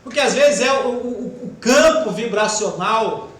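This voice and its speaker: A man with a Brazilian Portuguese accent giving an informal spiritist talk, acting out everyday speech in quick quoted asides. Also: very high-pitched, a bit bright. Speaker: spiritist lecturer. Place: spiritist center hall. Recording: echoey room with faint noise.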